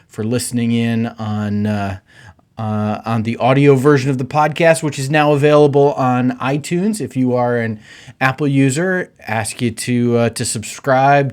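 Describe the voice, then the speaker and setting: A middle-aged man, a pastor, hosting his own podcast in a relaxed, conversational way with many filler words. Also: mid-range voice. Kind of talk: casual podcast monologue.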